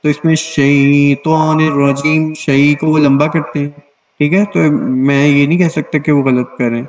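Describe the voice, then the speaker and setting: A man's voice: fairly high pitch, steady tone, darkish tone, soft background music, low-quality recording. A man teaching an online class on Quran recitation rules, explaining patiently and checking in with his students often.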